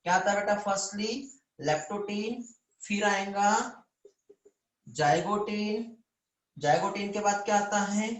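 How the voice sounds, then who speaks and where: A man's voice: high voice, a bit bright. Echoey male teacher in a live class. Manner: addresses students as beta, checks understanding often. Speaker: biology teacher. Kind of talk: live online lecture.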